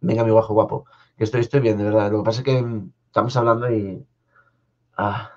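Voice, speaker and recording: A young man from Spain hosting a live stream from a home studio, talking in a soft, halting way with many restarts as he answers viewers. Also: on the low side, flat delivery. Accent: Spanish from Spain. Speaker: live-stream host reading viewer comments. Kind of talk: casual live chat. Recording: slightly dull lo-fi stream audio.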